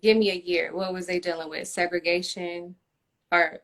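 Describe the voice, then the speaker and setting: A woman's voice: lowish voice, flat delivery, normal speed, low-quality recording. Opinionated woman in casual talk. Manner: opinionated, reflective. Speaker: host. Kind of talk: casual conversation.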